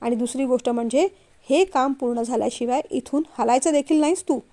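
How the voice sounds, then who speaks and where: A stern middle-aged father from a storybook, firm and scolding as he corrects his son, read by a woman. The voice sits high and sounds mellow. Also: fairly quick, close to an everyday voice.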